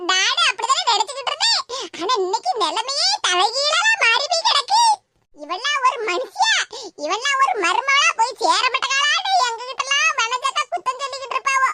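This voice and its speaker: A woman voicing a squeaky, wailing village housewife. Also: sing-song, a little fast, pushed and bright, exaggerated voice. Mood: gossiping. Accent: Tirunelveli Tamil. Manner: wailing, self-pitying complaints mixed with gossip. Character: gossiping village housewife, aggrieved and dramatic. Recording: noisy with clicks.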